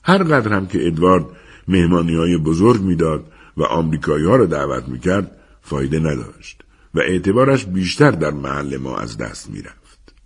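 A man's voice: rumbling low, big pitch swings, husky. A man narrating a story in an audiobook, reading expressively.

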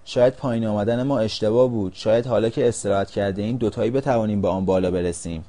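A man's voice: fairly low pitch, warm tone, lightly acted. A man doing a restless striped caterpillar. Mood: doubtful.

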